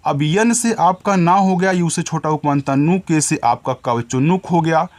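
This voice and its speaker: A man's voice: fairly high pitch, moderate pace. A male teacher giving a spelling lesson, sounding words out letter by letter and addressing his viewers as children.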